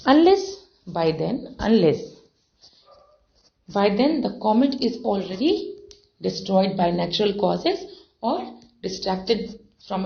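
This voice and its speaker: A woman teaching an English textbook lesson, reading passages aloud and explaining words slowly, with many fillers and repetitions. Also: mid-range voice, vocal fry. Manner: slow, repeats and defines words, many fillers. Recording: dull lo-fi recording.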